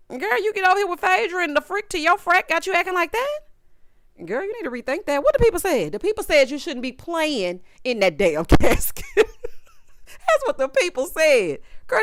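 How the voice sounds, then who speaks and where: Sassy, animated woman recapping reality TV. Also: sits high, no room sound, clean studio sound. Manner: sassy, animated, drawling slang. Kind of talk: casual recap commentary.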